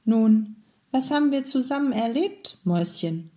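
A kindly beeswax candle in a children's story, speaking softly and wisely, as a woman voices it. The delivery is slow and the tone mellow. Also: a little high, animated, pitched above the performer's own voice. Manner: soft and gentle. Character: kind, self-giving beeswax candle, gentle and wise.

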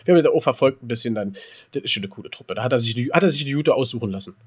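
Here a man speaks in a mid-range, slightly rough voice with lively intonation and a rapid-fire delivery. As a podcast co-host, he tells stories and chats casually, colloquial and emphatic, with the occasional mild curse.

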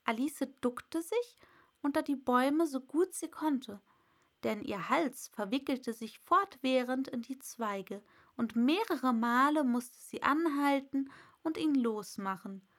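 A woman narrating a storybook aloud in an unhurried, expressive reading. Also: high voice. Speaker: audiobook narrator.

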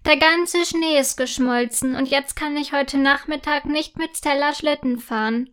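A woman reading a children's story voices Luna, a young girl, gently and slowly. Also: high voice, fairly even intonation. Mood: disappointed. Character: young girl Luna, easily let down, then delighted. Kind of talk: storybook character voice.

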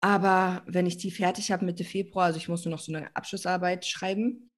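A woman's voice: on the low side, steady tone, fairly quick. A pregnant woman hosting a podcast, talking casually and rambling, with lots of fillers and colloquial asides. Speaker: podcast host. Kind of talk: casual chat.

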